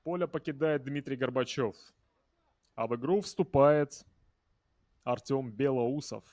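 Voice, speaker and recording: A man's voice: medium pitch, unhurried, darkish tone. A man giving live football commentary in a conversational way, talking directly to viewers and players.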